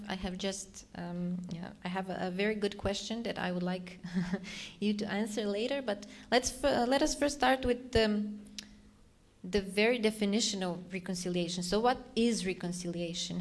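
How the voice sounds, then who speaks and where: A woman's voice: medium pitch, moderate pace. A woman moderating a panel, asking questions politely with some hesitation.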